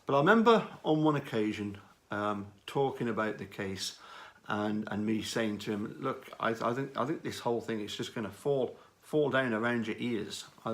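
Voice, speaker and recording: Speaking off the cuff about a true-crime case, this man has a lowish voice and a halting, deliberate delivery, pausing often and repeating words.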